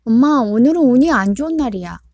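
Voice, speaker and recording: A woman reading aloud puts on a small schoolchild, upset and sulky, whining and talking back in a high, strained voice. It sounds close and dry, with a soft, mellow tone underneath. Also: lively intonation, quick pace, dry recording. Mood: aggrieved. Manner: whiny, complaining, shouting back.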